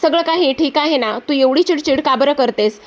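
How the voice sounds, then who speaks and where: A woman's voice: high voice, normal speed, lightly acted. A woman voicing a worried young man who asks his aunt what is wrong, read out in a serial recap. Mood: concerned. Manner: concerned questioning.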